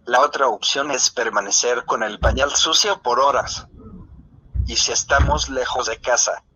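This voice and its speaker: A man's voice: mid-range voice, measured pace, sharp tone, a little hiss or hum, rough recording. A male synthesized voice, like an old speech synthesizer, reading a prepared speech in a robotic, formal way.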